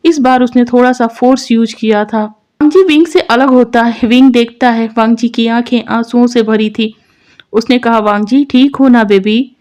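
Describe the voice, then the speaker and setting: Woman storyteller, steady expressive read, higher voice. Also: normal speed. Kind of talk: narrating a fan fiction story.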